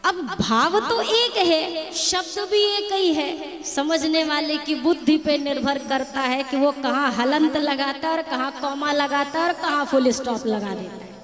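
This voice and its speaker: Woman devotional storyteller, unhurried and explanatory; long reverb, clear music bed. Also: high-pitched. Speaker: religious storyteller. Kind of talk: comic devotional discourse.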